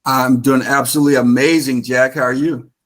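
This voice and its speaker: An American real estate investor in his fifties, from Georgia, appears as an interview guest and tells stories casually. His mid-range voice is brisk with a flat delivery, though his manner comes across as enthusiastic and affable.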